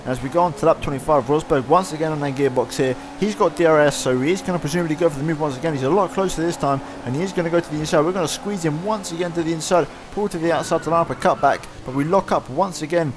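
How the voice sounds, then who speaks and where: A man giving fast play-by-play commentary over his own racing game. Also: a little high. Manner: fast excited play-by-play, winding down later. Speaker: gaming YouTuber. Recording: loud racing game engine noise behind.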